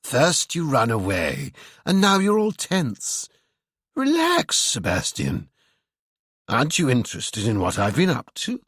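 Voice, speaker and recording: A man's voice: mid-range voice, huge pitch swings, a little slow, fairly bright tone, slightly rough, no echo, clean studio sound, heavily acted. A man reading an audiobook, voicing an oily, unstable, condescending man with a sly, taunting manner. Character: oily, mocking, unstable middle-aged man.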